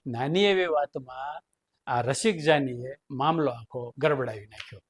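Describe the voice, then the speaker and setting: A man's voice: mid-range voice, a little slow, slightly rough. A man telling a humorous story, chuckling often between sentences.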